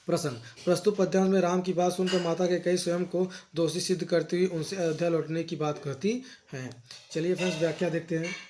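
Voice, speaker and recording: A male teacher works through a school poetry lesson. His voice sits fairly high and moves very little in pitch. He reads the verses slowly, then explains each one in a brisk classroom manner. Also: steady tone, a little mellow, slight background noise.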